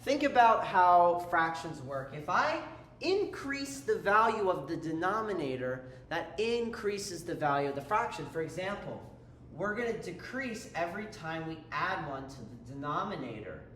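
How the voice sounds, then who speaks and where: Man, math tutor, casual lesson, chatty, jokey asides, animated pitch, echoey room. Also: normal speed. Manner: chatty, self-interrupting, playful asides. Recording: roomy echo, faint ambient noise.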